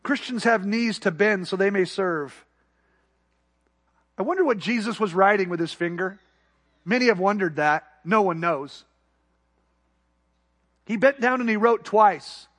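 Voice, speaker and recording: High-voiced preaching man. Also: animated, a little slow, long pauses. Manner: preaching with rising emphasis and soft, quiet asides. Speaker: pastor. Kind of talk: sermon.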